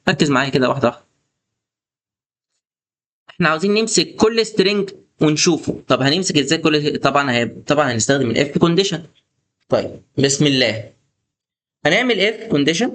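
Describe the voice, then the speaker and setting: A man's voice: a little high, lively intonation, brisk, long pauses, fairly bright tone. A man with an Egyptian Arabic accent giving a casual coding lesson, chatty and coaxing as he talks the viewer through each step. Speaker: programming tutor.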